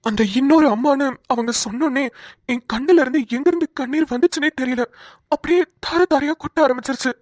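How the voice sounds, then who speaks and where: A woman voicing a timid, lovesick young man in a cartoon, talking softly and hesitantly. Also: high-pitched, fairly quick, no room sound, clean studio sound, natural voice. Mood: wistful. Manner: soft, hesitant, pleading. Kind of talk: cartoon voice acting.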